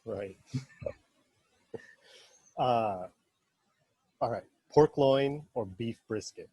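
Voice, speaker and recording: Husky, mellow-voiced man hosting an interview. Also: medium pitch, no echo. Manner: friendly, quizzing with quick either-or questions. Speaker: interview host. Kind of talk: casual interview chat.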